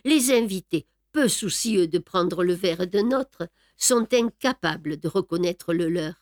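A woman's voice: lowish voice, animated, a little mellow, dry recording, clean studio sound. Woman narrating an audiobook, wry tone. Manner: measured, wry storytelling.

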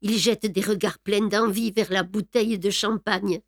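A woman narrating an audiobook at a measured pace with a wry, understated delivery. Her voice sits in an ordinary middle pitch. The recording is dry and close, with no room sound. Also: fairly even intonation, no echo.

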